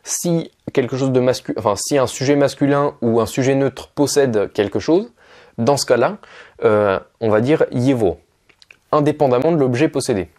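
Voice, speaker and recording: A man teaching Russian in as a casual video lesson, patient and unhurried, with frequent fillers as he spells words out. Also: mid-range voice, a little mellow.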